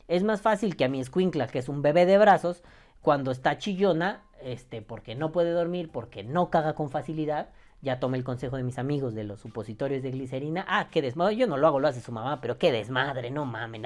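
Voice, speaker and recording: A man's voice: on the high side, lively intonation, fairly quick. A Mexican man hosting a podcast, ranting casually in a profane, sarcastic, rambling way. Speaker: podcast host.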